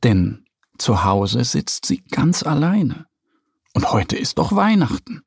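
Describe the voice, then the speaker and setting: A man reading a children's story aloud with calm, expressive storytelling. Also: medium pitch, slow, gravelly, slightly rough, dry recording, studio quality. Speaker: narrator.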